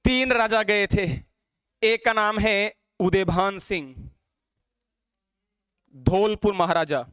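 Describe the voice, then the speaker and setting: A male teacher lectures a class. He quizzes the students, then dictates notes slowly and repeats each phrase. His voice is smooth and resonant, and the sound is dry and close. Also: sits high, a bit bright, dry recording.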